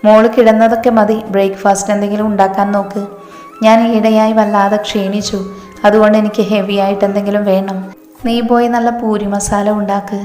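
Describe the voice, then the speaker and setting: A woman's voice: mid-range voice, flat delivery, a little fast, warm tone, natural voice. A woman voicing an abusive, bullying young husband who speaks in a harsh, mocking, threatening way. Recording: echoey room, faint music.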